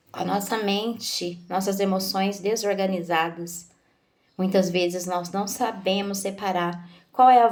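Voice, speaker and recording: A woman giving a devotional talk, slow and measured, asking her listeners questions. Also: medium pitch.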